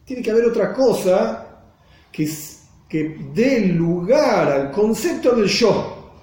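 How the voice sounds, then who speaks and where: Argentine man, teacher, explains hebrew texts in class, high voice, mellow tone, echoey room. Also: very animated, slow. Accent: Argentine Spanish. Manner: reads Hebrew phrases then explains them, checks on the students.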